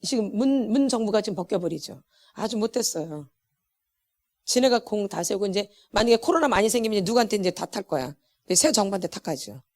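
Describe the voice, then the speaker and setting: A middle-aged woman teaching a church healing class, with an animated, emphatic delivery that repeats words for stress and laughs between lines. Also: mid-range voice, fast talker. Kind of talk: church lecture.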